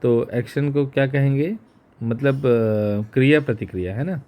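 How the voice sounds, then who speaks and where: A male teacher giving an exam-prep physics lesson, explaining slowly and asking questions that he then answers himself, with English terms mixed into Hindi. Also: mid-range voice, highs cut off.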